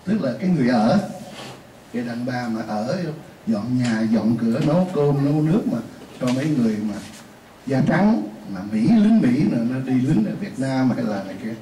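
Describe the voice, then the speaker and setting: A man's voice: medium pitch, lively intonation, normal speed, mellow. A man teaching a class, explaining things in a chatty way with repeated examples and asides. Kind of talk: classroom lesson. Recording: roomy, distant mic, faint hiss.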